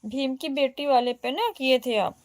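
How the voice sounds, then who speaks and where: Slow, unhurried Awadhi woman streamer. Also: high-pitched, no room sound. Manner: chatty, greets and answers viewers one by one. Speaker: live streamer reading viewer comments. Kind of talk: casual livestream chat.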